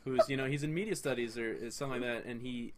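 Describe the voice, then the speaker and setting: A young man with an ordinary mid-range voice talks quickly as a guest in a relaxed chat. He rambles through his stories and pokes fun at himself along the way. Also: medium pitch, background noise. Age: young adult. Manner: rambling, self-deprecating storyteller. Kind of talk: casual chat.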